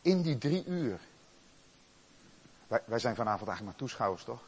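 A man preaching a sermon, slow and solemn, swinging from loud stress to a near-hush. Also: mid-range voice, big pitch swings, slightly rough.

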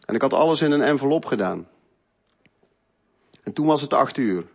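A middle-aged man telling an earnest, emotional personal faith testimony, moving between loud stretches and hushed ones. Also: mid-range voice, animated, moderate pace, gravelly. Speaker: speaker giving a faith testimony.

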